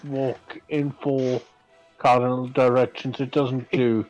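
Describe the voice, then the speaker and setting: A man's voice: medium pitch, level tone, slow pace, a little mellow, dull audio. A man playing an online tabletop game, making dry remarks and explaining the game's rules. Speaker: player. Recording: faint music underneath.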